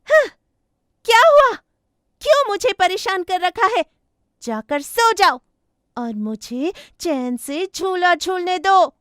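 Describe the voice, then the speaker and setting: Cartoon villain: vengeful female bird ghost, menacing and shrieking, high and swooping. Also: sing-song, no echo, studio quality, full character voice. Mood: furious. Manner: menacing, shrieking, slow drawn-out taunts and eerie laughter. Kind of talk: Hindi cartoon voice acting.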